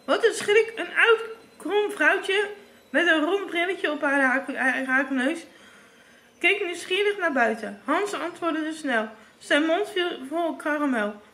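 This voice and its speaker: A woman's voice: high-pitched, animated, slow pace, pushed and bright. A woman reading a fairy tale aloud, often stumbling and restarting. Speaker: storyteller.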